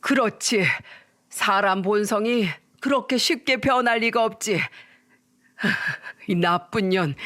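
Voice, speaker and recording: A woman's voice: on the high side, a bit bright. A heartbroken father accuses his wife, his voice shaking, as a woman narrator puts him on. He sounds wounded and angry together. It is a story read aloud for online radio. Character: heartbroken older father, tearful and furious.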